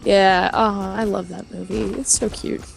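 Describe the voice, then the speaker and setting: Chatty woman over clear game music. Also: mid-range voice, level tone, measured pace. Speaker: gamer chatting while playing. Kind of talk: casual chat.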